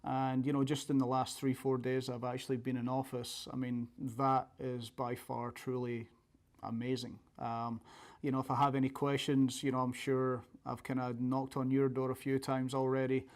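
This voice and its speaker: Male coach, thick Scottish accent, medium pitch, level intonation, informal interview delivery. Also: monotone, normal speed. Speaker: college soccer coach.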